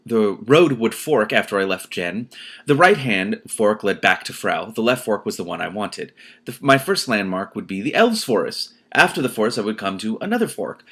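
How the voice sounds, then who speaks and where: Host of a read-aloud series, a man with a low-leaning but fairly bright voice reads a novel expressively, now and then breaking off to exclaim and comment in his own words.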